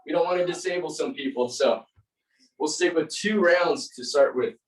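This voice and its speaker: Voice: mid-range voice, normal speed, background noise. An aerobics instructor leading a group workout, giving short encouraging commands and counting out repetitions. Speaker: aerobics and fitness class instructor. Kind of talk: live group workout coaching with counted reps. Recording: roomy echo, distant mic.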